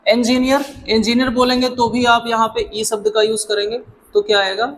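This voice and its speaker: A man's voice: extremely high pitch, flat delivery, fairly quick, fairly bright tone, a little hiss or hum, poor audio. A male teacher with a Hindi accent explains grammar step by step. He often asks questions and then answers them himself. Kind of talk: classroom grammar lesson.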